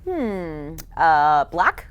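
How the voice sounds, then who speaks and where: A woman's voice: sits low, very animated, very slow, dull audio, slight background noise. A woman co-hosting a lifestyle talk show in casual, playful chat, laughing easily. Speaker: co-host.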